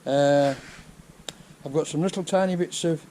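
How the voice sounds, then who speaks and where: A man's voice: on the high side, measured pace, mellow, rough recording. An older man with a Yorkshire accent, chatting casually as he explains each step of a restoration job in his workshop. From England. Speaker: vlogger restoring a tractor. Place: home workshop. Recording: faint background noise.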